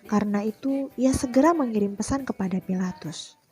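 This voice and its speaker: A woman's voice: on the high side, fairly quick, darkish tone, husky, faint music behind. A woman teaching a Sunday school class, telling a Bible story expressively and talking directly to the children.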